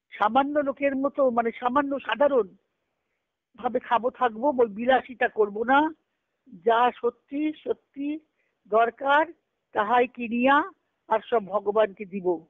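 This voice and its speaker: A woman with a slightly high voice reads letters aloud at a measured pace on a group conference call. A spiritual discussion speaker, she explains them in a teaching way, repeating phrases. The tinny, band-limited line has no echo.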